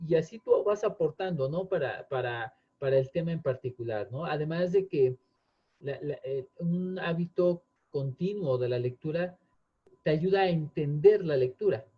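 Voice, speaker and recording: A man's voice: on the high side, moderate pace, husky. A man, earnestly explaining in casual chat, often restarting with fillers. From Mexico. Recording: dull lo-fi sound.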